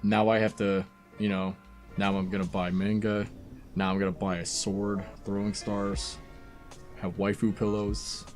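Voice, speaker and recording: A man's voice: lowish voice, level tone, soft background music. A man co-hosting a casual film review chat, joking around and swearing freely. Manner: casual, swears freely, quick jokey asides.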